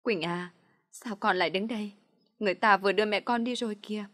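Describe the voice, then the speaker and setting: A woman's voice: mid-range voice, fast talker, fairly bright tone, close to an everyday voice. A woman voicing a grieving aunt who pleads tearfully with her niece in a spoken story. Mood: pleading.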